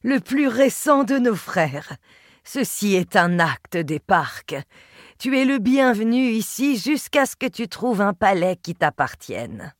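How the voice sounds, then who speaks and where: A woman reading aloud, voicing an older goddess who gives a slow, stately welcome. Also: medium pitch, very animated, no echo, clean studio sound. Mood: welcoming.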